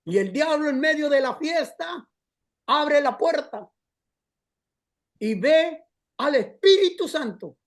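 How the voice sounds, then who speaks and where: A pastor preaching a storytelling sermon, impassioned and addressing the congregation as brothers. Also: male voice, very high-pitched, expressive, takes it slowly, long pauses.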